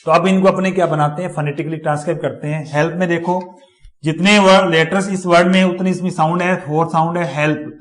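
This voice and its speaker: A man giving a step-by-step lecture, repeating each example word as he explains. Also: fairly high pitch. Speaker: teacher. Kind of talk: classroom lecture on phonetics.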